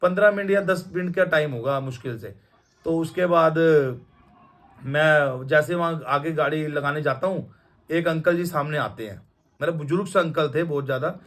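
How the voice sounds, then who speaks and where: A man's voice: a little high, moderate pace, a bit bright. A young man telling a personal testimony in a casual, rambling way, with many restarts and fillers. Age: young adult. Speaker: devotee sharing a testimony.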